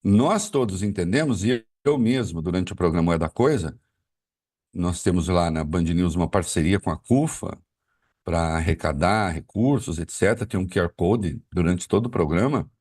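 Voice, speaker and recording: A man's voice: low-pitched, animated, normal speed, a little mellow, distant mic. A man giving live political commentary, arguing with rhetorical questions and frequent fillers.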